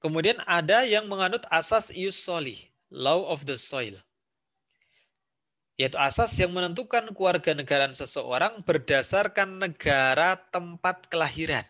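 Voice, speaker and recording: A man with an Indonesian accent gives a recorded university lecture on civics, explaining things step by step, using examples and repeating key points. His voice is on the high side, expressive, bright and forceful, and he talks a little slowly.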